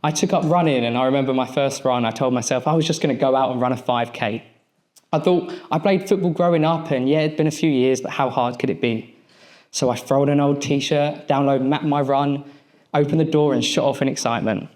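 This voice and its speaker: A man's voice: medium pitch, fairly quick, darkish tone. A young adult man, a mindset coach, giving a motivational speech on an event stage and telling a personal story in short, punchy phrases.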